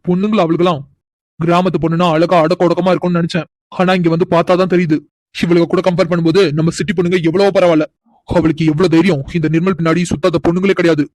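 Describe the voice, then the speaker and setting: A man's voice: sits high, darkish tone, no echo, natural voice. A man voicing a proud, hot-headed young city man in a cartoon, who talks angrily and boastfully. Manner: angry, boastful, vengeful. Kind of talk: cartoon voice acting.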